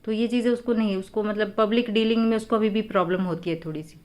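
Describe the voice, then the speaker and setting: A mother talks casually, patiently explaining step by step and pausing often with fillers as she answers viewers' questions. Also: mid-range voice, fairly even intonation, darkish tone.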